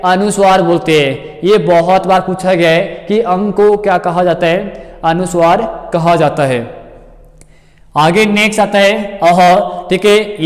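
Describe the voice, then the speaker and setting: A man's voice: high-pitched, big-room sound. A man teaching grammar to exam students, explaining in a repetitive classroom way, calling his students kids and often checking if they understood.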